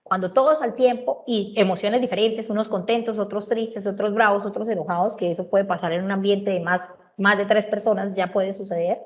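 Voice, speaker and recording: A woman's voice: mid-range voice, steady tone, brisk, few pauses, lo-fi sound. A woman giving a workshop talk to teachers on emotions and learning. She often asks rhetorical questions and repeats her key points.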